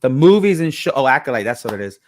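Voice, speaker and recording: A man's voice: mid-range voice, very animated, fast talker. A man hosting a casual live-stream chat, upbeat, greeting guests and reading comments over a video call. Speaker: host.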